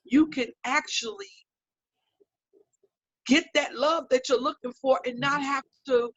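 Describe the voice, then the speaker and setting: A woman's voice: sits high, fairly bright tone, no room sound. Earnest woman on a dull video call. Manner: earnest, reflective storytelling with pauses. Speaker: guest. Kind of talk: personal testimony in an online talk show.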